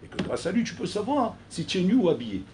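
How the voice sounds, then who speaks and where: A man, a rabbi, giving a recorded Torah class, animated and acting out dialogues between figures, mixing in Hebrew terms. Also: high-pitched, fast talker, noisy background.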